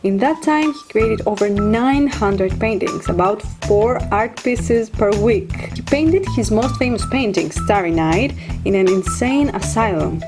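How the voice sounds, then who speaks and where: A woman's voice: mid-range voice, expressive, measured pace. A young woman vlogging casually from her living room, chatting and laughing at herself. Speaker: fashion vlogger. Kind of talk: casual chat with read-out facts. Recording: music playing underneath. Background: music.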